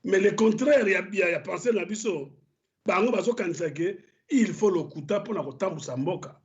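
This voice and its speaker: Congolese male pundit, high and heated, stammering restarts, dull lo-fi broadcast sound. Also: expressive, moderate pace. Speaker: political commentator. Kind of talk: studio debate commentary.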